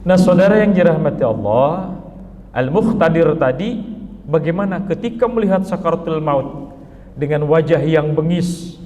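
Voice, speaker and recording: Man, mosque sermon, fairly high voice, muffled sound, long hall echo. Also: lively intonation, normal speed, warm tone. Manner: emphatic, rising to high pleas when quoting the dying man. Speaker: preacher.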